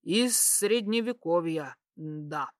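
A woman voicing a smug, teasing bearded man who poses as a doctor, speaking in a slow, lowered drawl in a romance audiobook. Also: expressive, no echo, studio quality.

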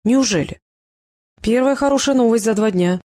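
Woman reading as a brisk, cool-headed Spanish woman. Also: a little high, dark tone, no echo, studio quality, pitched above the performer's own voice, lightly acted.

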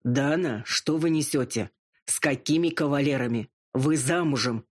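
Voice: medium pitch, close to an everyday voice. A narrator voicing a haughty dragon lord. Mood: growling. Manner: drawn-out and pleading when drunk, curt when sober. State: drunk and drowsy. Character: arrogant male dragon lord, a gruff millionaire.

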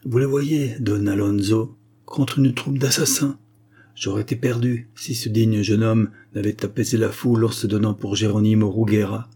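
A man's voice: fairly low pitch, steady tone, normal speed, warm tone, slightly rough. A man voicing an urgent young nobleman in a storybook reading, pressing and insistent, his voice raised slightly above his narration.

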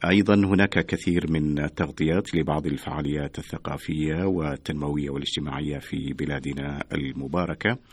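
Fast, low-voiced man in formal standard Arabic. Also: fairly even intonation, breathy edge, no room sound, studio quality. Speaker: radio host. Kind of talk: live radio programme hosting. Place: radio studio.

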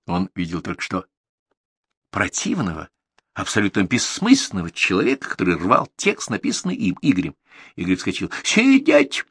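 A man narrating a novel as an audiobook, reading in an expressive storytelling manner. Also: low voice, normal speed, breathy edge, no room sound. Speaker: audiobook reader. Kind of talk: scripted narration.

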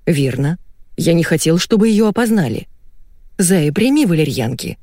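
A woman reading an audiobook, voicing a smooth-talking husband who coos and placates his wife. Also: lowish voice, very animated, normal speed, mellow, dry recording, clean studio sound. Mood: placating. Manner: cooing, placating. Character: smooth-talking husband, adult man, soothing.

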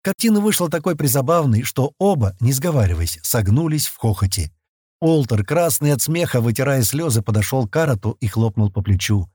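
Husky male audiobook narrator, lively. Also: medium pitch, fairly quick, dry recording, studio quality. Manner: expressive storytelling. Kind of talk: scripted fantasy narration.

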